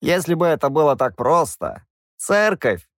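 A man's voice: fairly high pitch, big pitch swings, a little slow, fairly bright tone, dry recording, clean studio sound, voice pushed up, full character voice. A man voicing a hesitant, fussy old court wizard. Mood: cautious.

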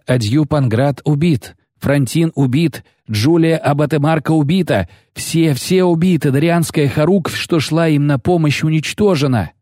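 A man's voice: a little high, a little mellow, no room sound, studio quality, voice pushed up, close to an everyday voice. A man voicing a breathless young battle messenger. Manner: urgent, breathless report.

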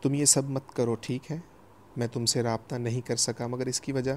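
A man's voice: medium pitch, flat delivery, slight background noise, lightly acted. A man voicing a worried young husband who speaks earnestly and pleadingly. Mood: insistent.

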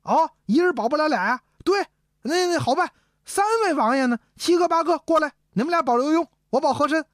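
A woman voicing a fat, excitable old prince who loves watching a fight, in a storytelling piece. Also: on the high side, brisk, slightly rough, dry recording, clean studio sound, pitched above the performer's own voice, heavily acted. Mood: gleeful. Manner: gleeful, loud, meddling.

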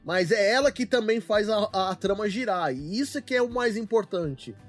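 A man's voice: sits high, animated, moderate pace, faint music behind. A man with a Brazilian Portuguese accent hosting a podcast, chatting in a laid-back, slangy way and steering the discussion. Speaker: podcast host. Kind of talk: casual chat.

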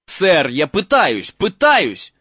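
A man's voice: fairly high pitch, sing-song, moderate pace, fairly bright tone, slightly rough, no room sound, dull audio, voice pushed up, exaggerated voice. A man voicing a desperate teenage boy wizard urging an old man to drink, in an audiobook reading. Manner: urgent desperate coaxing.

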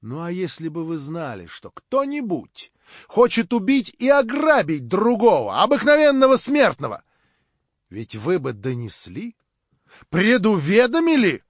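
A man's voice: high-pitched, huge pitch swings, a little slow, no echo, lo-fi sound, pitched above the performer's own voice, heavily acted. A man reading an audiobook, voicing an insistent young schemer who presses others with raised questions.

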